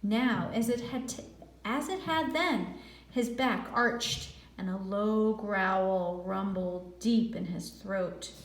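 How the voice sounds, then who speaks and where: Reading from a storybook in the manner of a teacher, a woman with a mid-range voice speaks expressively and with care. She lengthens words for dramatic effect and adds short asides to explain things, all in an echoey space.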